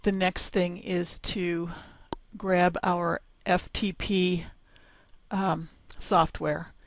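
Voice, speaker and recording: A woman with a lowish voice presents a screencast tutorial, walking through steps one at a time slowly, with fillers and a flat delivery. Her voice is scratchy as she loses it, and there's no echo.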